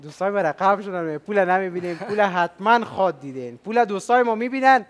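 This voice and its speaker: High-voiced upbeat Afghan Dari game show host. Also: male voice, expressive. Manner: upbeat, chatty, coaxing contestants with questions. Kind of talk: lively game show hosting.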